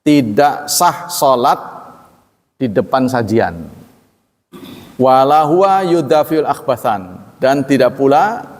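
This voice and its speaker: Slow-speaking Indonesian preacher in a reverberant hall. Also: male voice. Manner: reads Arabic text then explains in plain speech, raising pitch for quoted lines. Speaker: preacher teaching hadith. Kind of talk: sermon-style hadith lesson.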